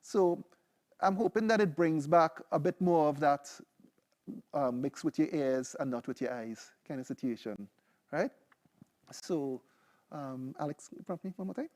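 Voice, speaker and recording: A young PhD candidate with a Trinidadian accent presents a seminar with a live demo, his voice fairly high, expressive and darkish in tone at a measured pace. He keeps it loose and conversational, often checking in with "right?" and "you know".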